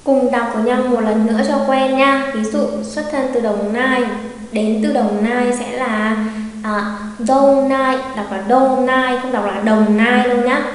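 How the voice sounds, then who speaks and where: A woman teaching an online language lesson, patiently repeating example phrases slowly. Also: on the high side. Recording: very echoey room with long reverb.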